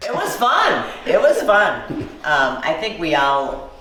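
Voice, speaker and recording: A man chatting casually with his team after a paranormal investigation, in a relaxed, chatty way. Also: on the high side, measured pace, faint music behind. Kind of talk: casual chat. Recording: echoey room, mic at a distance.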